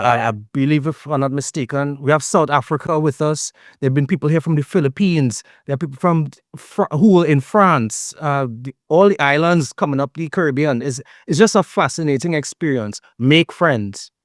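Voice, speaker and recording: A man's voice: a little high, moderate pace, no room sound, clean studio sound. A man giving earnest, upbeat greetings to a group of girls as a foundation director, repeating phrases for emphasis. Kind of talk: motivational address to girls, online event.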